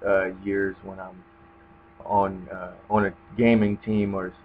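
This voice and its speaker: A man's voice: sits low, little pitch movement, slow pace. A young man giving casual gameplay commentary in a rambling, hesitant, laid-back way. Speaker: gamer commentator. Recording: dull lo-fi mic with loud noise.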